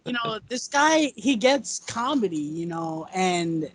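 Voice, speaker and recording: A guest on a casual movie chat over a video call, talking excitedly, laughing often and acting out quoted lines. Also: medium pitch, slow pace, slight background noise.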